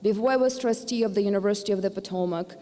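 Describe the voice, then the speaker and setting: A middle-aged woman with a Ukrainian accent delivers a formal commencement address on a university board's behalf, talking very fast in a dark-toned voice of middling pitch. Earnest throughout, she sometimes trips into fillers and restarts, while the big hall adds a long reverb.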